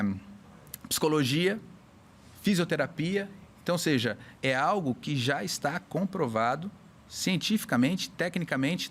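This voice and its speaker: Animated Brazilian hypnotherapist, higher voice. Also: male voice, slight background noise. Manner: animated, acts out little scenes with voices. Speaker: hypnotherapist guest. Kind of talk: casual podcast chat, explaining.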